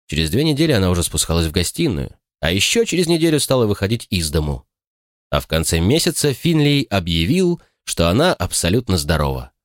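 Guy reading a story out loud, lowish voice, lots of pitch movement, dry close mic. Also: sing-song, fairly quick, no echo. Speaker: audiobook narrator. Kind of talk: scripted narration.

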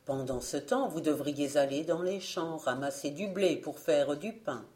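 A woman voicing a calm, firm young man courting a bride. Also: low voice, measured pace. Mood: firm measured.

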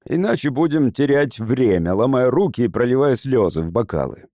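Narrator as a patient English politician, persuasive speech, lively pitch. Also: male voice, moderate pace, no room sound, studio quality, natural voice.

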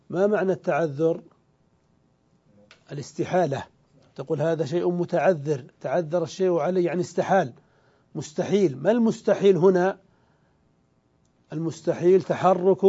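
A man with a high, mellow voice gives a grammar lecture. He moves step by step, asks his own questions and answers them, and stretches out each example word. The recording sounds a little muffled. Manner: draws out example words slowly. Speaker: Arabic grammar teacher.

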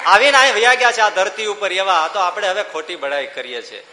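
A man's voice: high-pitched, lively intonation, a little fast, roomy sound, in a large hall, a crowd in the background, noisy background. A man giving a devotional discourse, speaking emphatically with rhetorical questions and breaking into sung verses.

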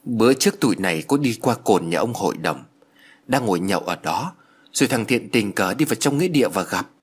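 A man's voice: fairly low pitch, lively intonation, brisk, slightly rough. A man voicing a young man in an audio story who hurriedly explains things to the family. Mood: urgent.

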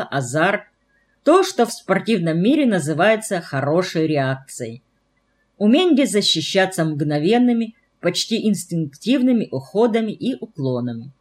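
A woman narrating a novel for an audiobook in an even, clear storytelling manner. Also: fairly low pitch.

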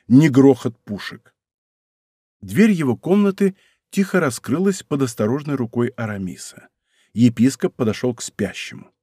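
A man reading a novel aloud as audiobook narrator, measured and expressive. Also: mid-range voice, slightly rough, dry recording, clean studio sound. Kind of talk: scripted narration.

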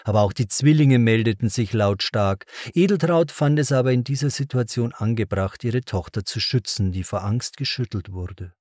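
A man reading a novel aloud as narrator, in a measured and dramatic storytelling voice. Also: mid-range voice, darkish tone, dry recording, studio quality. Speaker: audiobook narrator. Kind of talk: scripted narration.

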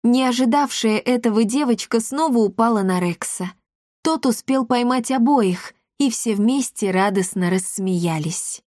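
A woman narrating a fantasy story as an audiobook reader, reading expressively and shifting her voice for the characters' shouts. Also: fairly high pitch, measured pace, no room sound, clean studio sound.

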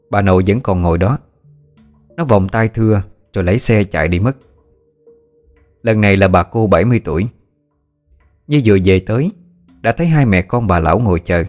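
A man telling a ghost story in a calm, even narration. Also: on the low side.

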